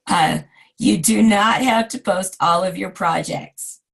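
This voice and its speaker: A hoarse woman in her forties giving a recorded design lecture, chatty and self-deprecating with asides to her students. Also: mid-range voice, takes it slowly. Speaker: design instructor.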